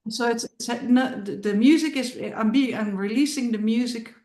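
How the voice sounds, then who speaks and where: A middle-aged woman from the Netherlands, a filmmaker and musician, guests on a casual podcast about her film, speaking with a Dutch accent and often restarting or repeating words. Her voice is slightly high and a little mellow at normal speed, in a roomy-sounding recording.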